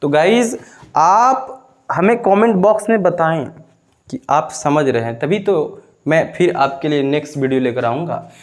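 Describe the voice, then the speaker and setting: Slow, drilling male English teacher. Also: a little high. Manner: slow, drawn-out, repeats each example and quizzes the viewer. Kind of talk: classroom-style video lesson.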